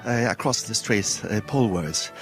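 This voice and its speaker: A man's voice: fairly low pitch, animated, soft background music. Hesitant man. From Poland. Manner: hesitant, pauses with fillers. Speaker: studio guest. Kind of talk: brief self-introduction on radio. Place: radio studio.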